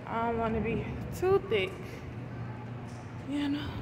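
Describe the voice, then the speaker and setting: Woman vlogger in her forties, slow chatty slang, fairly high voice, phone at arm's length, loud noise behind. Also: lively intonation. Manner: slow, chatty, slangy, talks straight to the phone while walking. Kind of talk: casual walking vlog chat. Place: inside a mall, then outdoors in a parking lot. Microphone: phone held at arm's length. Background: background music, traffic and wind.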